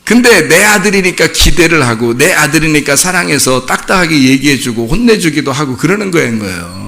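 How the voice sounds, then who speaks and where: Animated pastor, bright and lively. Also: male voice, a little high, vocal fry. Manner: conversational, animated, acts out dialogue, laughs often. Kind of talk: sermon.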